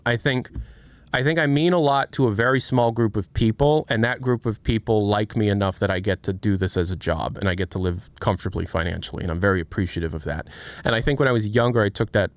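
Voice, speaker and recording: A man in his late twenties talks on a casual livestream, answering his chat openly and thoughtfully. He often breaks off and restarts mid-sentence. His voice sits a little low, smooth and clear, and it sounds close and dry. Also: no room sound. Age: 20s. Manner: candid, reflective, halting with many restarts. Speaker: streamer.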